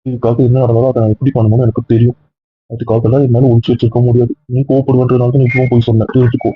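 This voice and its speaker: A man playing a headstrong young husband in an amateur audio drama, insistent and protective, with a husky voice. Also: mid-range voice, racing, natural voice. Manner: insistent, keeps ending points with a flat final word. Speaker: husband character. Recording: tinny phone-like dry recording.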